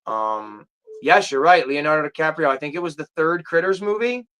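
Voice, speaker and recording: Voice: mid-range voice, lively intonation, moderate pace, fairly bright tone, clean tone. A livestream host in casual chat, rambling, searching aloud for titles and answering viewer comments. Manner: chatty, drifts off topic.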